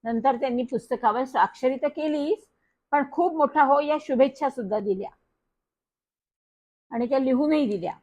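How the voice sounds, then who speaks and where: Female storyteller, expressive children's story reading, higher pitch, dull lo-fi recording. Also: normal speed, long pauses. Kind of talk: storybook reading in first person.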